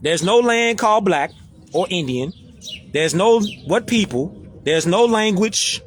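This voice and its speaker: Casual host, high animated voice, preachy and slangy. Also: male voice, unhurried, slight background noise. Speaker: social media commentator. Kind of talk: casual live-stream talk, reading definitions aloud.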